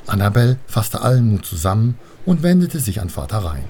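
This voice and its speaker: A man reading a children's storybook aloud in an expressive way. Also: lowish voice, a little fast, slight background noise. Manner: expressive, lively. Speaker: narrator.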